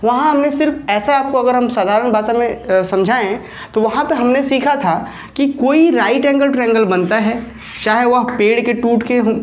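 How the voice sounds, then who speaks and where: A woman maths teacher with a Jharkhand Hindi accent gives an online lecture, explaining step by step and repeatedly checking that students follow. Her voice is a little high, with a darkish tone.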